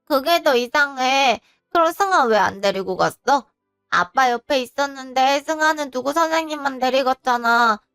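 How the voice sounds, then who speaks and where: A woman voicing a hurt young girl who accuses her father in sulky, tearful tones, in an animated storybook. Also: high-pitched, normal speed, clean tone, faint music behind, pitched above the performer's own voice. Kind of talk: storybook voice acting.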